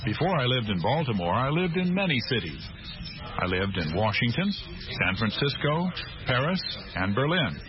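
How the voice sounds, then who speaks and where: A man's voice: mid-range voice, big pitch swings, close to an everyday voice. A man playing a friendly news reporter. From Chicago. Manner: clear, measured teaching delivery. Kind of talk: scripted language-course dialogue. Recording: muffled lo-fi studio recording.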